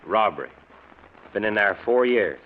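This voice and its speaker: In an old-time radio drama, an actor with a lowish, expressive voice plays a dutiful, gloomy mountain man with a folksy rural American accent, speaking at a moderate pace in a lightly acted, glum, confiding way. The recording is muffled and hissy, like an old radio broadcast.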